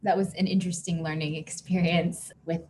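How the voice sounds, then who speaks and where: Woman, podcast host, low voice, casual chat, filler-heavy, laughs a lot. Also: little pitch movement, brisk, a little mellow, a little hiss or hum. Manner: chatty, frequent "like" fillers, laughs often.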